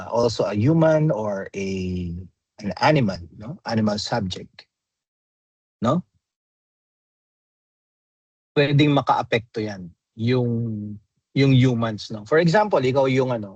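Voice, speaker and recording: A man's voice: mid-range voice, darkish tone, no room sound, lo-fi sound. A man giving an online graduate class lecture, explaining patiently and constantly checking in with his students through tag questions. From Philippines. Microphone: computer mic in a video call.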